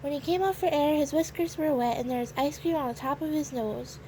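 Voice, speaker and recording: Lady reading a kids story out loud, high voice, gentle and expressive, faint bit of background noise. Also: fairly quick, poor audio. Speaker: narrator.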